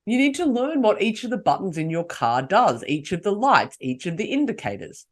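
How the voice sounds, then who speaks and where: A woman's voice: medium pitch, sing-song, moderate pace. Woman talking through her podcast, coachy, lots of questions, voice rises and falls a lot. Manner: coaching, asks rhetorical questions. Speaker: podcast host. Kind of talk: solo podcast monologue.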